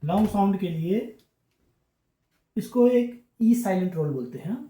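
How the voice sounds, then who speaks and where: A man gives a classroom-style lesson in a mellow, warm voice. He explains each point patiently, repeats key words and keeps checking in with his listeners. The sound bounces around an echoey room. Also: high voice, expressive, a little slow. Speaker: English teacher.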